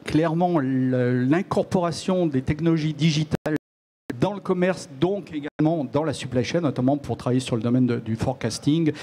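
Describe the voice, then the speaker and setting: A man answers as a guest on a televised panel. His voice is slightly high but mellow and warm in tone. He hesitates often and restarts his sentences. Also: a little fast, slight background noise. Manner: hesitant, with frequent restarts and repeated words. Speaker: association president, panel guest.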